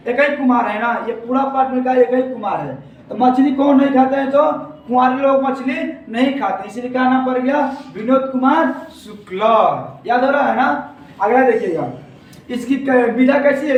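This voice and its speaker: A male teacher, giving a classroom lesson in call-and-response style, repeating key words slowly. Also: very high voice, muffled recording. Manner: asks and answers his own questions, repeats key words slowly. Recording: very echoey room, distant from the mic, faint noise.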